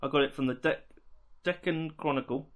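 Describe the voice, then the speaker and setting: A male podcast co-host whose voice sits on the higher side for a man. He tells his stories wryly and stages them with dramatic setups. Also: fairly quick. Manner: wry storyteller, building up tales with dramatic setups. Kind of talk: casual podcast chat.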